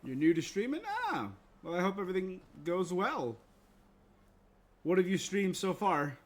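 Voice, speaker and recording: A game streamer with a high-sitting, animated voice chats with his viewers at a normal speed in a laid-back, conversational way. Video game music plays in the background.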